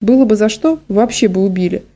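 Woman voicing a weary female school director, firm, resigned, mellow low voice. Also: fairly quick, natural voice. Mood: stern.

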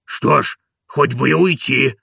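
A man's voice: mid-range voice, measured pace, creaky, pushed and bright, husky, no echo, clean studio sound, heavily acted. A man reading an audiobook and voicing a timid, grumbling old male servant who mumbles and pleads.

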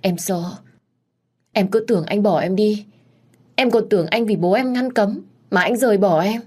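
A woman's voice: medium pitch, normal speed, a little mellow, husky, voice pushed up, natural voice. Woman voicing a tearful, defiant young woman. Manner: pleading, emotional. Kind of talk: audiobook story reading.

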